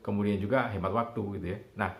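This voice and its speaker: A man teaching public speaking, promoting an online course, talking in an unhurried, explanatory way with frequent fillers. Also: lowish voice, fairly even intonation. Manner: unhurried explanatory talk with frequent "nah" and "gitu ya". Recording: roomy echo.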